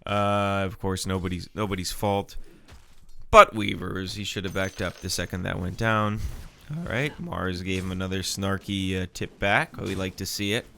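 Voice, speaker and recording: A man with a low-pitched, bright and forceful voice calls a video game match live in a loose, chatty way. His nose is audibly stuffy, and he wanders off into asides as he talks. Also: steady tone, normal speed, creaky, slight background noise. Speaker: game commentator. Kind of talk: casual live commentary.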